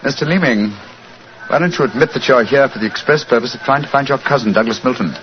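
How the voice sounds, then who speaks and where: An actor playing a shrewd, courteous English detective in a 1940s radio drama, speaking in a clipped, precise, urbane way. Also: male voice, mid-range voice, fast, close to an everyday voice. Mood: probing. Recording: muffled 1940s radio broadcast with music.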